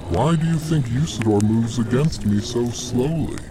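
An actor playing a cold, calculating Dark Lord wizard with a measured, pompous delivery in a fantasy audio comedy. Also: male voice, mid-range voice, natural voice. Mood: measured, ominous. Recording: clear background noise under the voice.

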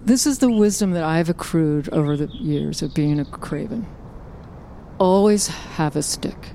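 A woman's voice: deep voice, animated, measured pace, vocal fry, mellow, slight background noise, exaggerated voice. A woman voicing a self-important crow sage in an improvised comedy role-play, talking in rambling, stammering bursts. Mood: musing. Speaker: player voicing a character.

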